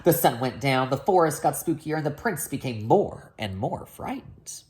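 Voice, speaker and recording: A woman's voice: deep voice, expressive, normal speed, darkish tone, slight background noise. A woman reading a children's story aloud expressively as a storyteller.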